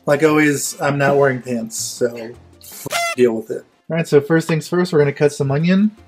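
A man's voice: fairly high pitch, fairly quick, darkish tone, faint music behind. Drunk, goofy young man cooking on camera. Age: young adult. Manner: drunk, goofy, loose and rambling. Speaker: vlog host. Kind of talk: casual comedic cooking vlog. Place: home kitchen, indoors.

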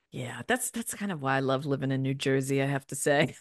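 A woman podcast host who lives in New Jersey, chatting casually, expressive and swearing freely. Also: extremely low pitch, no echo, studio quality.

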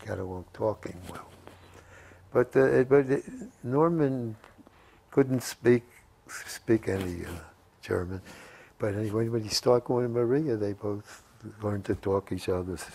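An interviewed WWII veteran, in his eighties, reminisces in his living room, rambling, repeating himself, and quoting conversations he remembers. Captured on a lapel mic, his voice is on the low side, a little slow, creaky, and slightly mellow.

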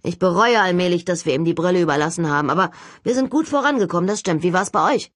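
A woman voicing a calm, confident teenage boy who leads his team in measured tones. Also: fairly low pitch, no room sound, clean studio sound.

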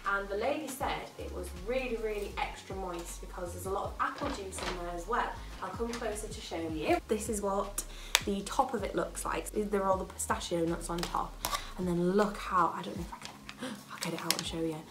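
Sitting on her living room floor, a young Englishwoman narrates a vlog, gushing with enthusiasm as she shows off her haul. Her voice is medium-pitched and fairly quick, with some background noise.

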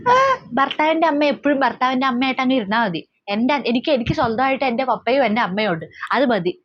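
A woman's voice: high-pitched, lively intonation, fast, no echo. A woman playing a spoiled young newlywed who keeps threatening to tell her father. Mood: sulky, bratty. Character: pampered young bride, spoiled daddy's girl. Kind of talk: comedy skit acting. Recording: slightly dull lo-fi audio.

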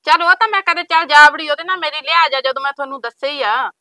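Woman playing a gossipy punjabi neighbour lady, bright high voice, dry. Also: quick pace, no room sound. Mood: defensive. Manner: defensive, gossipy. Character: defensive village neighbour woman.

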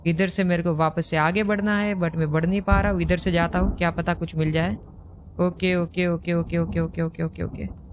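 A man's voice: on the high side, little pitch movement, normal speed, background noise. Jumpy young man narrating a horror game. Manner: jumpy, nervous, repeats words when scared. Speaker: gaming host.

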